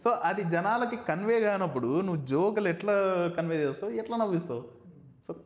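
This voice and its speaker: A man's voice: high-pitched, lively intonation, a little fast. Blunt joking man with a Rayalaseema accent. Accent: Rayalaseema (Anantapur) Telugu. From Anantapur village, Andhra Pradesh. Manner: blunt, joking storyteller mixing English words. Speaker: stand-up comedian, podcast host. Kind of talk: casual podcast chat. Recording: echoey room.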